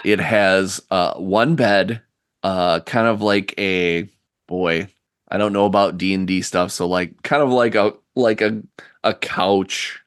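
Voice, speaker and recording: A man's voice: sits low, fairly even intonation, slow pace, smooth, no echo, studio quality. A man narrating as game master of a tabletop game, in a loose, rambling way with many fillers.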